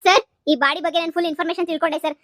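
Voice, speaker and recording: A woman voicing a dutiful young constable who reports quickly and eagerly to his boss. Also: very high-pitched, fairly even intonation, fairly bright tone, dry recording, studio quality. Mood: reporting.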